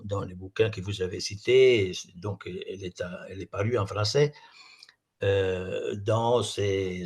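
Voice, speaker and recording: A man with an Italian accent, a native Italian speaker, giving an academic talk in halting French, repeating words as he searches for them. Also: lowish voice, a little mellow, slightly rough. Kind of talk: semi-improvised academic talk.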